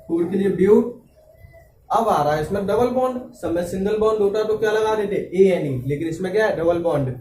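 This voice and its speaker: A man with a high, mellow voice teaches a class lecture and keeps checking that the students follow him. He sits a little back from the microphone in an echoey room, with a faint hiss underneath. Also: recorded from a distance. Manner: checks understanding with frequent "clear?" and "okay". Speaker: chemistry teacher.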